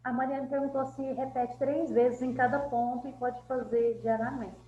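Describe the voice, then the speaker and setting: Uma mulher co-apresentadora de um grupo terapêutico, incentivando o público e chamando todos de "gente". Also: female voice, on the high side, level tone, normal speed, mellow. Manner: addresses the audience often as "gente", encouraging. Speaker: co-host of a therapy group. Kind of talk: live group session chat. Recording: lo-fi, roomy, faint hum.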